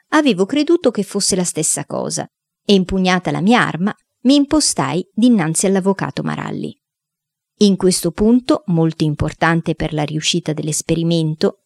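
A woman with a fairly low voice reads a children's storybook aloud, telling it expressively in the first person as a young boy. The recording is dry and close, with no room sound. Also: a little mellow, no room sound. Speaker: narrator reading a children's novel. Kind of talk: scripted audiobook narration.

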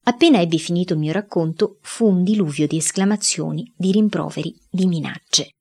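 A woman narrating a children's diary story aloud with a measured, expressive reading. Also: fairly low pitch, slightly rough.

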